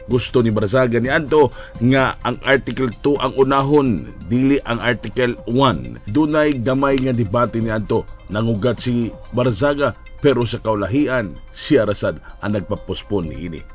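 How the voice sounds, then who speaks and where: A man's voice: mid-range voice, expressive, moderate pace, soft background music. A man with a Cebuano accent giving wry broadcast news commentary, often addressing listeners as friends.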